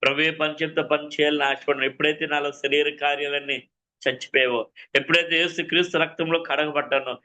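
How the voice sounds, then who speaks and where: Male preacher, fervent and repetitive, sharp bright tone. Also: on the high side, fairly even intonation, quick pace. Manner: fervent, repetitive, addresses listeners often. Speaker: preacher giving his testimony. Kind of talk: testimony sermon.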